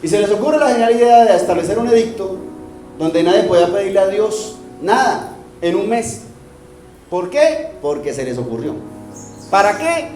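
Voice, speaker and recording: A man's voice: high voice, big pitch swings, moderate pace, darkish tone. A Colombian man preaching a sermon as pastor, playful and joking, asking the congregation rhetorical questions in a church hall with a roomy sound and faint music.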